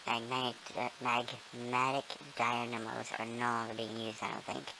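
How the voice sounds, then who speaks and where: Gamer's voice through a squeaky morph filter. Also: completely flat delivery, normal speed, background noise. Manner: rambling, with many ums and self-corrections. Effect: voice-morphing filter, squeaky and small like a squirrel. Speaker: gamer giving a tour of a build. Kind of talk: casual gameplay tour.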